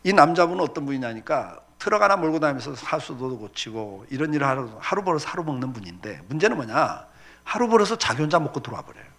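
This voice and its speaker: Gravelly, lively male pastor preaching. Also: fairly high pitch, fast. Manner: lively storytelling with acted-out quotes and laughter. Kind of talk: sermon.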